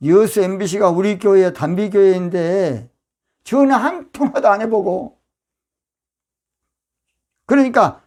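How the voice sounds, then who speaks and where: An older man, a pastor from Yeosu with a Jeolla accent, preaching a fiery, emphatic sermon that breaks into sudden loud outbursts. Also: high voice. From Yeosu, Jeolla province, South Korea.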